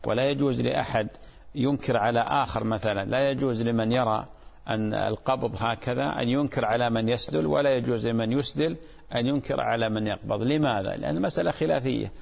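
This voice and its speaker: A man with a gravelly voice, speaking as a sheikh on a call-in show. His explanations are calm and patient, and he often repeats a point to make it clear. His voice trails into a long reverb. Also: mid-range voice, quick pace. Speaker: sheikh answering callers' questions. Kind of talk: religious Q&A call-in program.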